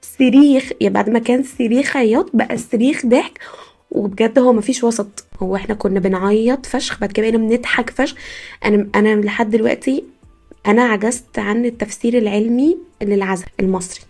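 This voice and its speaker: A young woman from Egypt with an Egyptian Arabic accent, hosting a podcast as a casual comic monologue, telling stories in an animated way with frequent laughs. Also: a little high, fast talker, soft background music. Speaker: podcast host.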